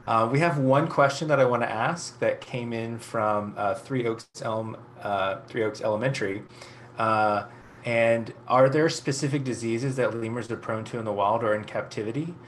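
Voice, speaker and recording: A man's voice: mid-range voice, moderate pace, fairly bright tone. A man in his thirties hosting a casual virtual event, chatty and encouraging as he passes on audience questions. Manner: chatty, encouraging, hedging asides. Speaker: host moderating audience questions. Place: indoors at home, on a video call. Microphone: wireless earbuds. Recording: light background noise on video call.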